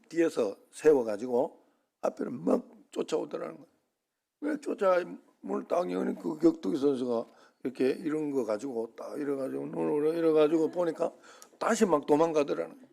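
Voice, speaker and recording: Man, middle-aged, pastor, sermon, animated storytelling, gravelly, slightly high voice. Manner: animated storytelling, acts out prayers and quoted speech.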